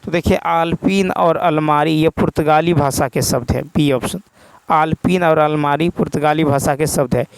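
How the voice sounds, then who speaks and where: A man's voice: fairly high pitch, steady tone, smooth, no room sound, rough recording. A man going through practice exam answers, repeating each key term and asking himself the answer. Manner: reads English questions slowly, word by word. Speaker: exam prep teacher. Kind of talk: explaining a practice test answer by answer.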